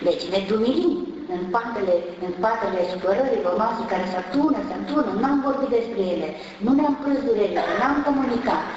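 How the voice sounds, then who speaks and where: A woman, a nun, giving a homely spiritual talk on marriage, unhurried and repeating phrases for emphasis. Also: fairly high pitch, lively intonation, a little mellow, a little hiss or hum. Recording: distant voice in a reverberant hall, dull lo-fi sound.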